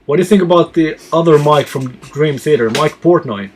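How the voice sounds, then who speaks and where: A man from Finland who reads out viewer questions and answers them in a relaxed live chat as a touring musician. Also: a little high, brisk, slight background noise.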